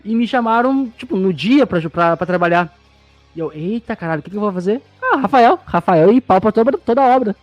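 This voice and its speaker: A man with a high voice for a man tells quick, self-mocking stories in a relaxed podcast chat. The sound is dry and close to the mic, with faint music underneath. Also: no room sound, dull audio. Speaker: podcast participant. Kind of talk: casual chat.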